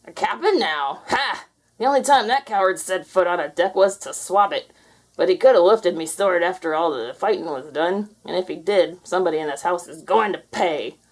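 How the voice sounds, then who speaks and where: A woman's voice: lively intonation, moderate pace. A woman voicing a ferocious growling storybook pirate ghost. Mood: scornful. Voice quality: growling, booming. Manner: storybook character voice with pirate dialect.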